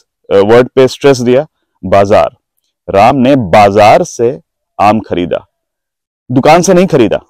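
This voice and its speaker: A male presentation trainer explains voice use in a mid-pitched, steady teaching voice. He draws out and stresses single words to show how emphasis works, recorded dry and close. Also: no room sound, low-quality recording. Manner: drawn-out, stressed words when demonstrating emphasis. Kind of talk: instructional talk.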